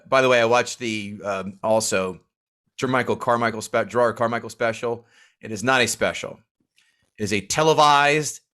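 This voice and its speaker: A middle-aged man co-hosting a casual comedy podcast, swearing freely and telling stories with shouted-out quotes. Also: lowish voice, clean tone. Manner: profane, animated storyteller who shouts out quotes. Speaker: podcast co-host.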